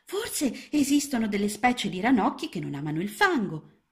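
A woman's voice: mid-range voice, very animated, normal speed, voice pushed up. Woman putting on a doting mother frog. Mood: soothing. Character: motherly middle-aged female frog, fussy housewife.

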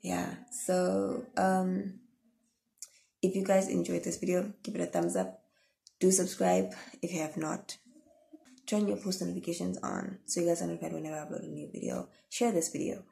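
A tired young woman from Namibia signing off her vlog in a soft, rambling casual chat, with a gravelly, worn voice. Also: lowish voice, flat delivery, moderate pace. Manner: soft, rambling sign-off with many fillers. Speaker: vlogger.

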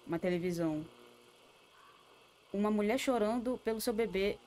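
A Brazilian gaming streamer gives live commentary while playing a horror game, jumpy and scared, swearing often and talking to herself. Her mid-range voice is mellow at a normal speed, with a Brazilian Portuguese accent and a little hiss or hum.

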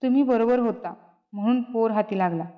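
A woman reading the part of a caring mother who speaks softly and tenderly, on a dull lo-fi recording. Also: on the high side, brisk, long reverb tail, natural voice. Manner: soft, tender.

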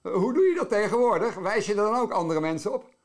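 High, lively male interviewer. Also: quick pace. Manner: encouraging, prompting questions. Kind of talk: interview host.

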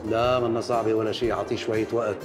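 A man's voice: fairly low pitch, level tone, racing, close to an everyday voice. A man in a dubbed TV drama, speaking in a reassuring way. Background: music score.

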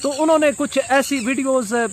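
A man in his thirties giving a casual commentary vlog outdoors beside a brick wall, recorded on a phone camera, pausing often with fillers. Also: very high-pitched, fairly even intonation, a little hiss or hum. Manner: hesitant, many filler pauses. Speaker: vlogger. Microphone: phone camera at arm's length.

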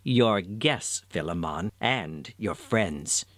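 A man voicing a mild, grand elder male traveler god with a deep voice, solemn and kindly, in a storybook reading. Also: animated, takes it slowly, fairly bright tone, dry recording, full character voice.

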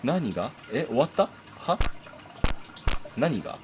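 A man's voice: medium pitch, very animated, slow pace, a little mellow, slight background noise, rough recording. Jumpy man with lilt playing horror game. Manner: jumpy, talks back at the game with jokes and complaints. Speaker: game commentator. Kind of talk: horror game playthrough commentary.

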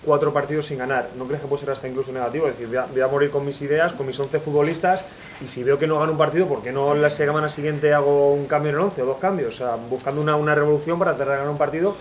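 A man with a higher voice talks quickly and argues animatedly, throwing out rhetorical questions. He sits in a restaurant dining room with faint room noise behind him. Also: steady tone. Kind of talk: casual panel discussion.

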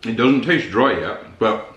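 A man's voice: fairly low pitch, animated, unhurried, a bit bright, highs cut off. A man co-hosting a food challenge vlog, chatting in a wry, joking way. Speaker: host's partner and co-host. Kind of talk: casual chat on camera. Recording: echoey room, faint music.

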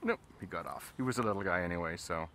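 Low and fast, this man's voice carries a little hiss or hum. He's a fly fishing instructor fishing from a boat on a river, casually teaching fly casting step by step in a relaxed way as he makes his casts.

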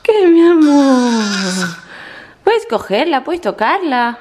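Brief: woman, home vlogger, lively high-pitched baby talk, phone recording, faint hiss. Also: slow pace. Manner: gushing baby talk to pets and child. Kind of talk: casual home vlog. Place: home living room.

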